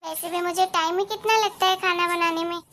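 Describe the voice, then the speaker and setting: A woman's voice: very high-pitched, steady tone, brisk, fairly bright tone, a little hiss or hum. A woman voicing a young, educated daughter-in-law in a cartoon story, muttering complaints to herself in a chatty way. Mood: grumbling.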